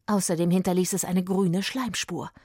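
Storyteller: woman reading a children's tale, slightly husky, dry close sound. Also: on the low side, moderate pace, no echo. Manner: expressive, sometimes hushed.

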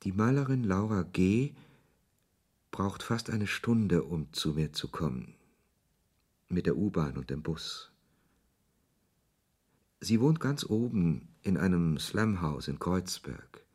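This is a radio play in which an actor, low and husky in voice and a little mellow, portrays a brooding, ironic author narrating his own tale in the first person, with dialogue. The delivery is literary and sardonic, animated and exaggerated, slow with long pauses, and reflective in mood.

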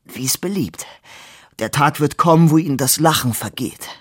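A wounded young nationalist hisses a clipped, grim threat, pitched higher and pushed louder than the narration, as a male reader puts him on. The sound is dry and close. He stays bitter and hostile throughout. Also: lively intonation, moderate pace, husky, no room sound. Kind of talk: literary reading.

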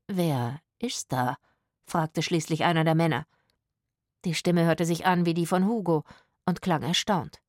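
A woman narrating a children's story in an expressive, lively manner. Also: fairly low pitch, no room sound, studio quality.

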